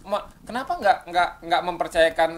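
A man's voice: high-pitched, animated, normal speed, slight background noise. A man hosting a casual interview chat, teasing and chatty, with many hesitant fillers. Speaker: host.

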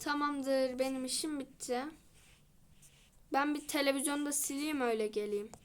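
A woman voicing a calm hairdresser mother in a toy role-play, talking in a matter-of-fact way. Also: high voice, normal speed.

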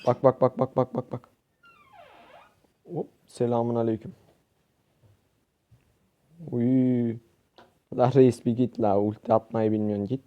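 Shouting at teammates and rattling off repeated words, a young man from Turkey delivers hyped live commentary on his gameplay as a gaming YouTuber. His voice is mid-range and the sound quality is lo-fi.

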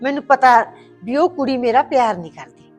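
An actress playing a bossy, sharp-tongued middle-aged mother-in-law in a short film drama, talking in a scolding, two-faced way. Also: sits high, lively intonation, fairly quick, soft background music. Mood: pleading, plaintive.

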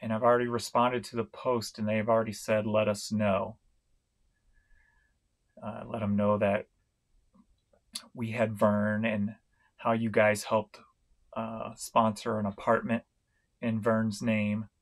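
A middle-aged man from St. Louis, Missouri, giving a casual vlog update on his online reselling, talking in a slow, rambling way with many fillers and restarts. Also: lowish voice, monotone. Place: home room, indoors.

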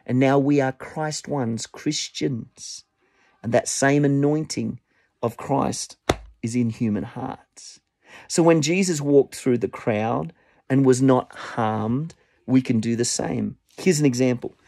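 A male preacher delivering a sermon in an animated storytelling manner. His voice sits at a middle pitch and climbs sharply whenever he acts out what someone said. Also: slow pace, vocal fry, dry recording. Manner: animated storytelling, voice rising high when quoting.

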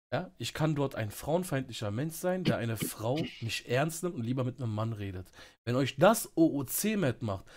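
Hot-tempered arguing man. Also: on the high side. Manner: confrontational, loud, calls himself hot-tempered. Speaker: streamer. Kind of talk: heated out-of-character argument. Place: game voice chat.

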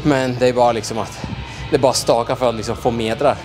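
A sore, exhausted young man chats haltingly in a big indoor gym, his words full of fillers. Music plays clearly behind him. He speaks at a middling pitch into a handheld mic. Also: steady tone, poor audio. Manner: tired, halting, many fillers. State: sore and worn out. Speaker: vlogger. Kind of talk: casual vlog chat. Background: music playing.

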